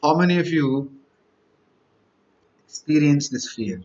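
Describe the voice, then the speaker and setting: A man's voice: a little high, animated, takes it slowly, a little mellow, muffled recording. A man, teaching exam candidates in a motivational lecture, stacking up rhetorical questions and repeated lists.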